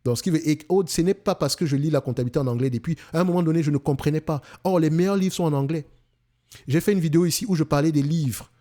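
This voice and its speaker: A man's voice: fairly high pitch, fast, dark tone. A man with a Cameroonian French accent, hosting an investing channel in an emphatic casual monologue, often restarting and repeating himself.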